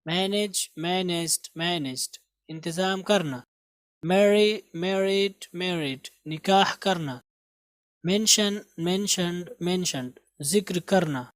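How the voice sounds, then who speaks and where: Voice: medium pitch, no echo. Teacher, patient and repetitive, recorded close and dry. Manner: explains slowly, repeats words for pronunciation. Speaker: English teacher. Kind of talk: spoken grammar and vocabulary lesson.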